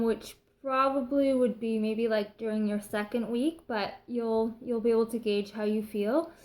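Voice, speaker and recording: A woman with a Canadian accent giving casual, chatty advice in a vlog, speaking informally. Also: fairly high pitch. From British Columbia, Canada. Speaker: vlogger sharing recovery tips.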